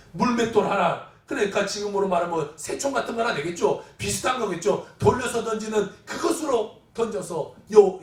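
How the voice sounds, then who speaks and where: A middle-aged man preaching a sermon as pastor, telling stories dramatically and acting out shouting crowds and a taunting giant. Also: high voice. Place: church sanctuary. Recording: echoey church hall, mic at a distance.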